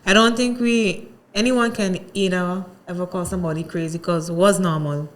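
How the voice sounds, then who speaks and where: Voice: medium pitch, steady tone, moderate pace. A podcast host asking supportive, conversational interview questions.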